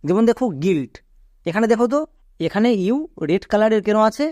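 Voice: medium pitch, lively intonation, fairly quick, a little mellow, no echo, studio quality. A teacher giving an online pronunciation lesson. They patiently repeat each rule and spell words out one letter at a time.

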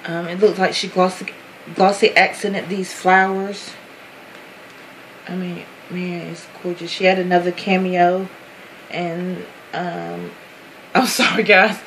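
A woman's voice: lowish voice, level tone, takes it slowly, a little hiss or hum, low-quality recording. A woman chatting casually to her viewers while unboxing a handmade craft box, gushing over each detail, apologizing often and calling everyone "guys.". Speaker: craft vlogger.

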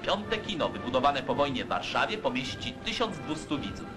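A man's voice: mid-range voice, very animated, a little fast. A man giving solemn, declamatory narration for an old newsreel soundtrack. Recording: narration over loud orchestral music.

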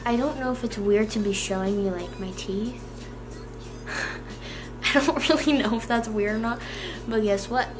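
Teen girl vlogging, bubbly and rambling, little lisp, soft music under her. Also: a little high, a little slow, pauses often. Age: teens. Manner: chatty, filler-heavy, bubbly. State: slight new lisp. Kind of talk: casual vlog chat. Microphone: camera mic.

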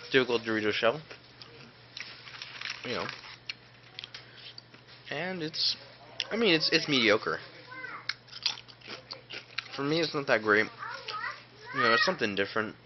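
A man's voice: mid-range voice, lively intonation, measured pace, long pauses. Man in dull, humming lo-fi audio. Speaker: food review vlogger. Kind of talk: casual chat, snack review. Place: small cluttered room indoors. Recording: dull lo-fi audio with hum and clicks.

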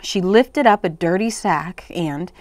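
A woman reading a children's story aloud in an expressive, dramatic way for a library. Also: fairly low pitch, a little slow, dry recording.

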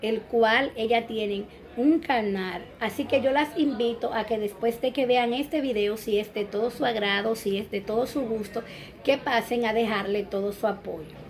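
A woman's voice: a little high, normal speed. A woman in her thirties with a Dominican accent, chatting casually to her viewers in a home vlog and sending them blessings and greetings. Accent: Dominican Spanish. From Dominican Republic. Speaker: vlogger. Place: small bright room at home, indoors. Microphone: phone camera close up.

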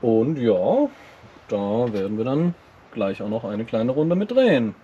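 A car channel host shows off his vintage car outdoors in a casual vlog, talking in an enthusiastic, chatty, relaxed hobbyist way. His mid-range voice moves at a measured pace, and the audio has its highs cut off plus a little hiss or hum.

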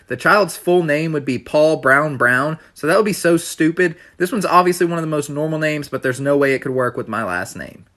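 Bright-voiced young man, dry sarcasm. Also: on the high side. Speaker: vlogger. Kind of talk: talking-head ranking commentary.

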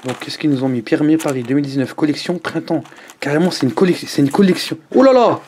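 Chatty, animated man vlogging to camera. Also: on the high side, fast talker, slight background noise. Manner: chatty and animated, with exclamations and asides to viewers. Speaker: food reviewer YouTuber. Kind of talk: casual vlog chat to camera.

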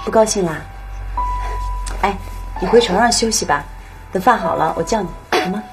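An actress as a soft-spoken young wife over loud music. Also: female voice, mid-range voice, normal speed, close to an everyday voice. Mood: worried. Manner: soft, coaxing and cooing to a baby. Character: gentle caring young wife and mother. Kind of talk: TV drama acting. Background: loud background music.

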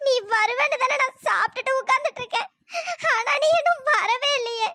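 A performer voicing a heartbroken young woman who is crying and lamenting, in a pitch-shifted cartoon voice. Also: lively intonation, normal speed, a bit bright, a little hiss or hum. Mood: despairing. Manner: sobbing, desperate lament.

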